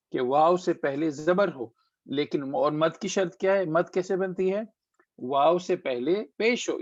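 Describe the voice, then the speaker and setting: Patient man teaching recitation with a gravelly voice. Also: a little high, dry recording, dull audio. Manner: patient, repeats syllables slowly then explains quickly. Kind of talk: Tajweed lesson, spelling out and reciting syllables.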